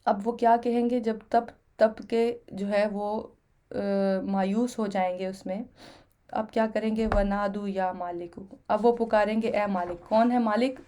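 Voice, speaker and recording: A woman with a Pakistani Urdu accent teaches the Quran in a mellow, warm voice. She recites each Arabic phrase slowly, then explains it in plain Urdu with homely examples. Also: medium pitch, fairly even intonation. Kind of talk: word-by-word Quran translation lesson.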